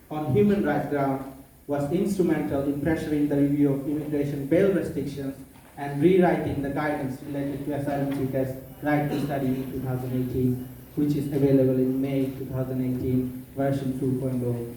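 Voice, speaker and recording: Young Bangladeshi man, a bit high-voiced, earnest public speaker; distant mic, faint room hum. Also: level tone, normal speed, mellow. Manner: earnest, non-native phrasing, playful asides. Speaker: conference keynote speaker. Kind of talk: public speech. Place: conference room. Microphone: far from the mic. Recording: echoey room, mic far off.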